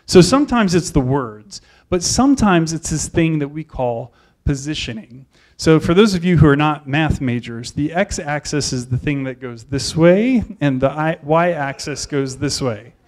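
A man giving a conference keynote, telling lively stories and acting out the people in them. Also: fairly high pitch, a little slow. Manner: animated storyteller, acts out quoted voices. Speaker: conference speaker. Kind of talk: storytelling keynote talk.

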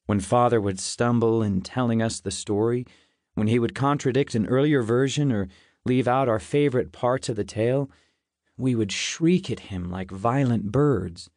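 A male audiobook narrator with a mid-range voice, reading in a measured, reflective first-person style. The recording is dry and close, with no room sound. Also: medium pitch, darkish tone, dry recording.

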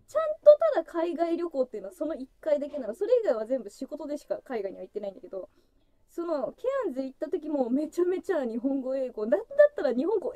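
A woman in her thirties chats on a casual solo livestream, her high voice leaping around and often spilling into giggles. Her tone is mellow and soft, and the recording is close and dry with no room sound. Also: no echo. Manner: chatty and giggly, breaks into frequent laughter, voice jumping high. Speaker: livestream host opening fan gifts.

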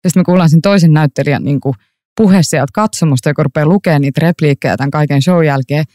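A woman actor as a podcast guest, telling lively anecdotes with frequent laughter and many fillers, recorded in a library room. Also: deep voice, no echo, clean studio sound. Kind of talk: casual interview storytelling.

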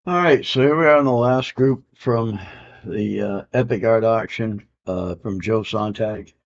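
Speaking a little slowly in a low, gravelly voice, this comic collector rambles casually while unboxing his auction win. He's relaxed, drops plenty of "uh"s, and keeps saying "man" and "I can dig it." It's recorded on a home camera with dull, lo-fi sound in a room decorated with comic art.

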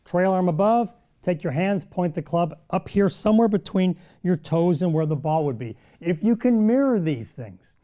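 Middle-aged guy hosting a golf lesson, high voice but mellow, punchy, lots of pow and boom. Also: animated, normal speed, hardly any pauses. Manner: punchy, demonstrative, with sound-effect words like pow and boom. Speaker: golf instructor and show host. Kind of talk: energetic golf lesson to camera.

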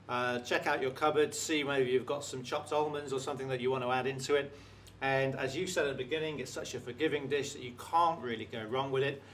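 A man hosting a cooking show who tastes a dish and praises it in a halting, restarting way. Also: medium pitch, a bit bright, a little hiss or hum. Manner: effusive, praises the food while tasting. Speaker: host. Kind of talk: casual cooking show chat.

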